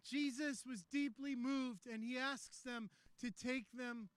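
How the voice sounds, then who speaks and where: A man preaching a sermon, telling the story conversationally and building to shouted climaxes. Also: extremely high pitch, fairly even intonation, slow, smooth, no echo. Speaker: pastor.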